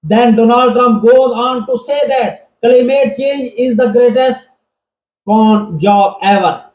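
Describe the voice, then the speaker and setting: Male political commentator, notably high pitch, critical editorial delivery, audibly reverberant room. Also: takes it slowly, a little mellow. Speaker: commentator introducing speech clips. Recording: roomy, echoing voice track.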